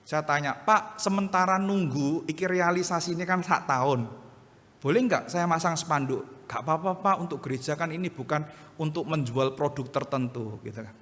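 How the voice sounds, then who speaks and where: Bright, lively East Javanese pastor preaching. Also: male voice, fairly high pitch, moderate pace, big-room sound. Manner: animated, acts out other voices in anecdotes. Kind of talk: sermon with storytelling. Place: church hall.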